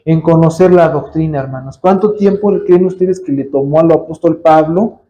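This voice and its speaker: Un predicador con acento mexicano da un sermón en una iglesia, haciendo preguntas retóricas y llamando "hermanos" a los oyentes. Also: male voice, a little high, moderate pace, warm tone, lo-fi sound. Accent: Mexican Spanish. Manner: addresses listeners as brothers, rhetorical questions. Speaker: preacher. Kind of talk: sermon. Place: church.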